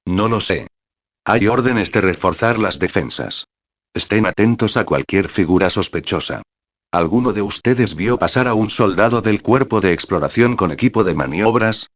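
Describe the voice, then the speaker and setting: A deep male voice doing a stern, barking captain. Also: animated, normal speed. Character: furious, gruff male garrison captain. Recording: dry, slightly dull lo-fi sound.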